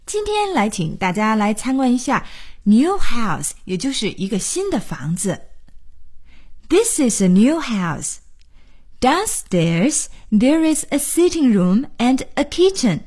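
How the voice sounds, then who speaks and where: Radio English teacher, woman, very animated pitch, patient and encouraging, spells letter by letter. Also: breathy edge. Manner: spells words slowly letter by letter, lively and encouraging. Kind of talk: radio English lesson, spelling and explaining words. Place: radio studio.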